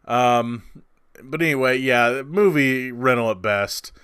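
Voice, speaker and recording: A man's voice: mid-range voice, slow pace, fairly bright tone, clean tone, no echo, studio quality. A man hosting a casual movie review, rambling and conversational with many fillers and restarts, and sarcastic at times.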